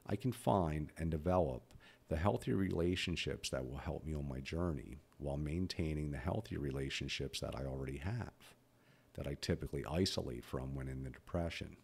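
This very deep, gravelly voice belongs to a podcast host in his fifties, with a darkish tone, a breathy edge and a moderate pace. He stutters as he reflects on his own life, blunt and candid throughout.

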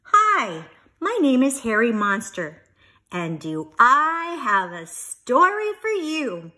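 An earnest young monster boy , played by a woman reader, tells his storybook tale with excitable emphasis. The voice is bright and a bit high, swinging widely in pitch and taking its time over the words. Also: takes it slowly, heavily acted. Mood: eager, excited. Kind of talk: children's storybook narration.

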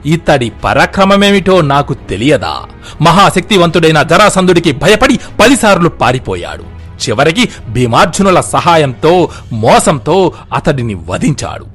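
An arrogant king who sneers and boasts in a raised, lively, slightly husky voice, as a man narrator puts him on. He taunts loudly in a storybook telling. Soft music sits faintly underneath. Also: a little high, unhurried, voice pushed up, exaggerated voice. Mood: scornful taunting.

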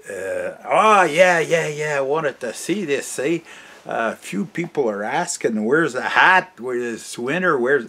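Hosting a vlog from a cluttered garage workshop indoors, a sixty-something man with a Canadian accent tells casual, meandering stories to camera. His voice is medium-pitched and a bit bright, his manner folksy, halting and jovial, with frequent chuckles and sentences capped by "eh."

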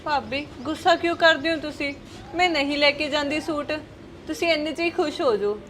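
A woman playing a gentle pleading married daughter. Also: high-pitched, a little fast, slight background noise. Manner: pleading and soft-spoken. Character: gentle married daughter visiting her parents' home. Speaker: sister.

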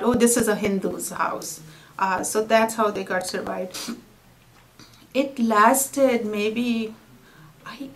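A middle-aged woman with an Indian English accent, giving an oral history interview in a halting, soft-spoken way. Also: mid-range voice, low-quality recording. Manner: halting, soft-spoken, drops to near-whisper at grim moments.

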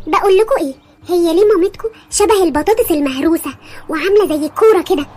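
A woman's voice: extremely high pitch, very fast, mellow, voice pushed up. A woman voicing a cheeky, teasing little girl who never sleeps, in an Egyptian accent. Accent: Egyptian Arabic. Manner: teasing, whiny and chatty.

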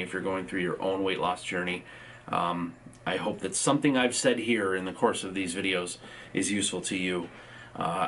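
A man's voice: sits low, fairly bright tone, a little hiss or hum. A man talking casually in a video diary, rambling with frequent ums and uhs, a bit sleepy early in the morning. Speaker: vlogger.

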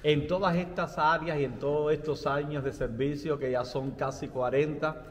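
A young adult man interviewing a guest, asking polite, measured questions. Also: a little high, fairly even intonation, long reverb tail, a little hiss or hum. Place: studio set.

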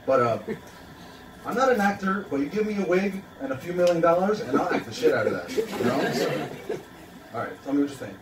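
Animated and fairly quick, with a fairly high voice, this young Queens comic works through a dry, self-deprecating open-mic set full of ums and uhs. He's on a small indoor café stage with a handheld mic, and an audience member's phone catches him from a distance, roomy and noisy, amid laughter and room chatter.

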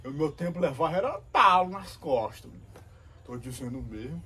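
A man's voice: a little high, lively intonation, normal speed, bright, forceful tone, breathy edge, heavily acted. A man playing a strict, grumbling grandfather in a comedy sketch who scolds the boy. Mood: reproachful. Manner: grumbling, reproachful.

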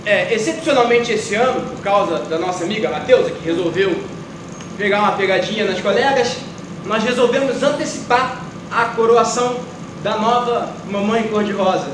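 An actress voicing a brash male drag show emcee, announcing in a showy, drawn-out way. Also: medium pitch, voice pushed down, natural voice. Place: theatre stage. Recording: very echoey stage, heard from far, with noise.

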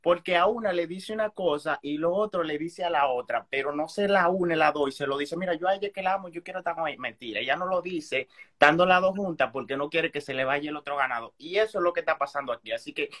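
A man's voice: a little high, fairly quick, fairly bright tone. A man giving a blunt opinion on a live stream. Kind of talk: casual opinion chat.

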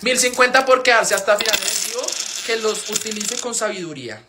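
A young man with a Bogotá Colombian accent chatting casually on a phone livestream, animated and full of swearing. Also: brisk, background noise. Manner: animated, swears a lot, swings into loud high-pitched wails. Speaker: live streamer.

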